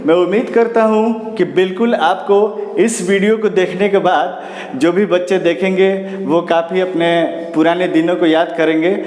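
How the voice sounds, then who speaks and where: A high-pitched man teaches basic English spelling, asking and then answering his own questions. He praises every step with "very good." His voice rings in a roomy, echoing space with a lingering tail. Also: fairly even intonation, normal speed, darkish tone. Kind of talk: spoken English lesson. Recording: echoey room with long reverb.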